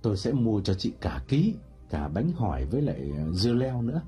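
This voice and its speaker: A man's voice: on the low side, very animated, a little fast, mellow, breathy edge, soft background music, exaggerated voice. A man voicing an obliging, eager male friend in an audiobook story. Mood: helpful.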